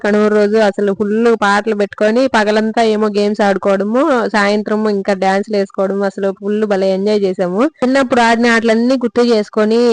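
A woman's voice: medium pitch, darkish tone, no echo, rough recording. A woman vlogger chatting through a casual voice-over and talking straight to her viewers. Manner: chatty, addresses viewers directly.

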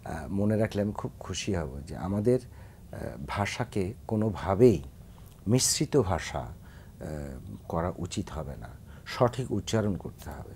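A man's voice: low voice, big pitch swings, unhurried, long pauses, darkish tone, a little hiss or hum. A man, a singer who is a guest on a Bangladeshi TV talk show, speaking earnestly about correct pronunciation, with a Bangladeshi Bengali accent. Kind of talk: studio interview.

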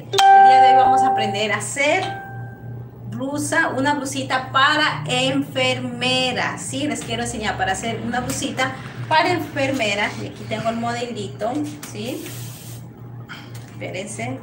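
An Ecuadorian woman with an Ecuadorian Spanish accent teaches a live sewing lesson in a small workshop, offering warm blessings and greetings and often checking in with "¿sí?". Her voice sits on the high side. Captured on a lapel mic attached to a camera set back from her, the audio is distant, echoey, and noisy.

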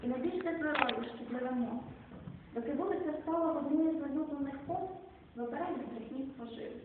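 A woman poet reading her own verse and translated poems aloud, in a slow, measured recitation whose lines often fall quiet at the end. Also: high voice, slight background noise. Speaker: poet reading at a club evening. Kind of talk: poetry reading. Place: club or small hall. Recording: distant, echoey phone-quality room recording.

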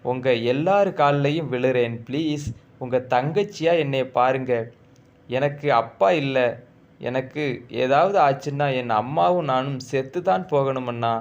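A man's voice: mid-range voice, measured pace, lo-fi sound, lightly acted. A man voicing a frightened young village woman who pleads and begs through tears. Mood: pleading, tearful. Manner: tearful begging.

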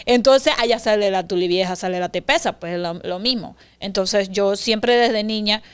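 A young woman, chatting as an interview guest and telling lively stories. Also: medium pitch, normal speed, clear, resonant tone. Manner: lively storyteller, acts out voices. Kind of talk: casual interview chat.

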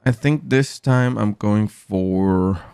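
Guy rambling on his game stream, really low voice, bit of fry in it. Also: slow pace, darkish tone, dry recording. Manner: rambling, chatty, talks to his viewers. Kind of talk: casual live game stream. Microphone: studio mic through an audio mixer.

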